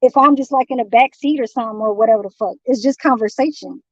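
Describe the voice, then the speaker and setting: Talking at a quick pace in a slightly high voice, this San Francisco woman delivers a rambling, confrontational livestream rant full of constant swearing. The recording is dry, dull, lo-fi stream audio.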